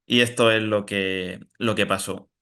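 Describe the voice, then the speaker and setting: A man's voice: lowish voice, steady tone, a little slow, pushed and bright, smooth. A man from giving an informal technical webinar talk, explaining through everyday analogies and often checking in with "¿no?". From Spain, south of Madrid. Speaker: webinar presenter.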